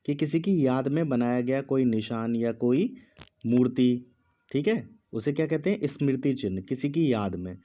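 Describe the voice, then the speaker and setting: Guy giving a slow spelling dictation, repeats every word, kinda dull audio. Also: mid-range voice, lively intonation. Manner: speaks slowly with pauses, repeats each word. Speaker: Hindi teacher.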